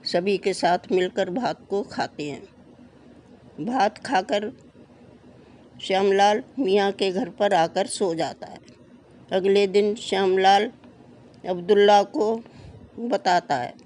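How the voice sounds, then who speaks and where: A woman narrating a folk tale as a storyteller, in a slow, even way with small slips. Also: mid-range voice.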